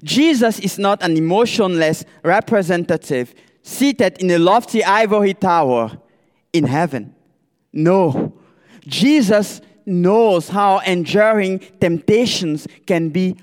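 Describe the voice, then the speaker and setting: A man delivers a sermon at an unhurried, measured pace, pausing to pose rhetorical questions to his listeners. His voice sits notably high for a man, and it rings out with the long reverb of a church hall. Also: animated. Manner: slow, deliberate preaching with rhetorical questions. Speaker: pastoral candidate preaching.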